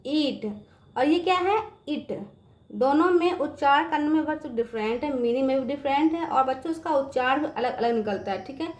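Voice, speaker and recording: Recorded with a roomy sound, a high-voiced woman teaches children English words online at normal speed. Patient and repetitive, she keeps checking that they follow by asking "समझ में आ गया बच्चों?"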